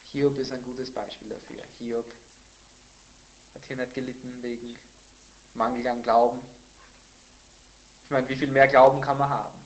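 A man teaching a Bible sermon in a conversational way, with blunt asides, who grows louder and higher when he reads scripture quotes. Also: level tone, moderate pace, pauses often, low-quality recording. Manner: emphatic, rising in pitch and volume when reading scripture quotes. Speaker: preacher.

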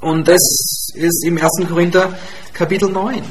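A man's voice: fairly high pitch, flat delivery, moderate pace, noisy background. A man preaching a sermon in a church hall as the congregation's pastor, speaking emphatically and repeating his key points. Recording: echoey church room.

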